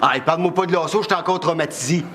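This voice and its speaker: An actor playing Steve, a nervous, hot-headed bachelor with a Québécois accent who often shouts. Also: male voice, fairly high pitch, rapid-fire, heavy background noise, lightly acted.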